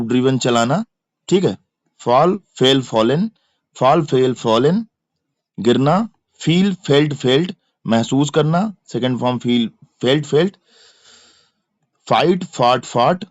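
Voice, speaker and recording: Slow and expressive, with long pauses, a mid-range male voice with an Indian accent comes through a dry, lo-fi recording. He's preparing students for an exam by teaching English grammar in Hindi, drilling verb forms through repetitive chanting and spelling each letter aloud.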